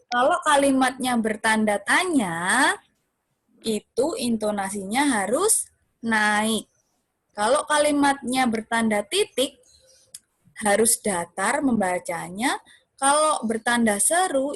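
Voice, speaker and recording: A woman's voice: sits high, no room sound. A woman teaching young children in an online class, patient and coaxing, often checking that they can see her screen, on a computer mic. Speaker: homeschool teacher. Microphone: computer mic on video call.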